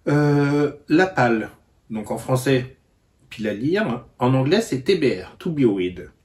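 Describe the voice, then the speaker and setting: A man talking casually in a book vlog, explaining terms in a halting way and often pausing to search for words. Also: mid-range voice. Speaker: book vlogger.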